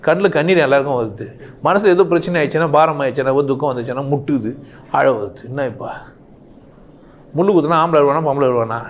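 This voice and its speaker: A man's voice: fairly high pitch, slight background noise. A man delivering an impassioned monologue, firing off rhetorical questions and swinging his voice up and down sharply. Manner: animated, rhetorical questions, rising and falling sharply. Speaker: speaker.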